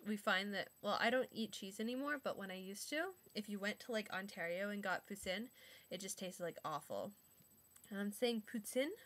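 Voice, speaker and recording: A woman's voice: medium pitch, a bit bright. Chatty young woman from Montreal. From Montreal, Quebec. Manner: chatty, filler-heavy, sarcastic asides. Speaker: vlogger. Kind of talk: casual chat to camera.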